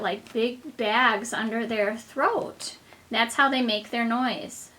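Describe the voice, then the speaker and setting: With a pushed, bright voice on the high side, a woman teaching kindergarten reads a picture book to little ones. She pauses for easy explanations, asks questions and makes asides, the way you would with a toddler.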